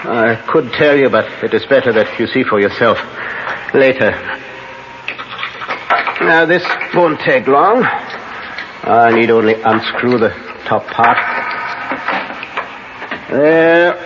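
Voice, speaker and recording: An actor playing a grave, commanding vampire-hunting professor in an old radio drama, speaking deliberately and haltingly with solemn weight. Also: male voice, medium pitch, animated. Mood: solemn, intent. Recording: muffled, noisy vintage radio recording.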